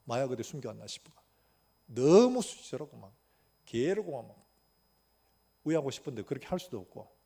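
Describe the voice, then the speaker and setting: A man's voice: medium pitch, animated, quick pace, creaky, pauses often, mellow, husky. A male pastor preaching a sermon, telling a story animatedly and acting out the dialogue. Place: church sanctuary.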